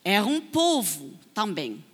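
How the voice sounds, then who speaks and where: A woman missionary telling a story to children at church, animated and sing-song. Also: mid-range voice, slow, breathy edge, long reverb tail. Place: church hall.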